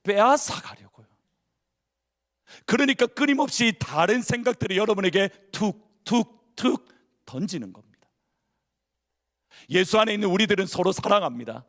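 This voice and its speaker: High-voiced male pastor preaching. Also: animated, moderate pace, pauses often, fairly bright tone. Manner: preaches with questions to the congregation and acted inner monologues. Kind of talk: sermon. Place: church sanctuary.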